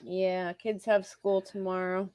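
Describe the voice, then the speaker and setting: A woman's voice: mid-range voice, level tone, slow, a little mellow, no echo, clean studio sound. A woman co-hosting a livestream, making blunt, wry remarks in casual chat. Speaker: livestream co-host.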